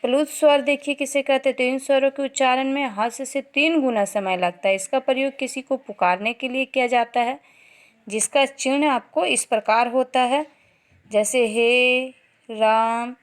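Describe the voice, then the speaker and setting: Higher-voiced woman teaching grammar. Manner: patient, explains step by step and sounds out letters slowly. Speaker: school Hindi teacher. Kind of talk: online grammar lesson.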